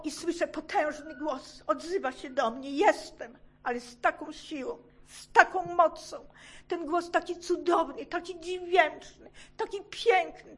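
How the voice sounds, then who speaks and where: A middle-aged woman giving a fervent, emotional religious testimony to a congregation, repeating urgent phrases for emphasis. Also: high voice. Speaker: testimony speaker.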